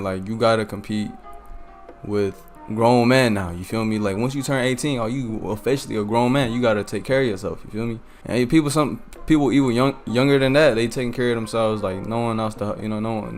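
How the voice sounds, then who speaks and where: A man's voice: on the low side, fairly even intonation, fairly quick, soft background music. An eighteen-year-old man streaming a game and telling a loose, slangy story full of "you feel me" asides. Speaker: streamer and content creator. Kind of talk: casual storytelling while gaming.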